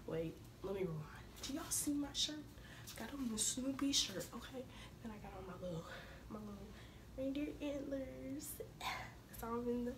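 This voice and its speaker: A young woman vlogging casually to her viewers, her voice slightly hoarse from a cold, chatting informally and calling them y'all. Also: high voice, noisy background. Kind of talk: casual vlog chat to camera.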